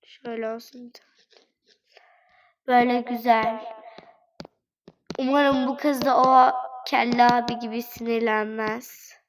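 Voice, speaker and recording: A woman with a high-pitched voice gives let's-play gameplay commentary. She chats directly to her viewers in a playful, fussing way. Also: little pitch movement, unhurried, pauses often, slight background noise, rough recording. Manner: chatty, talks straight to viewers; playful, fretting over angry customers. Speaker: gaming channel host.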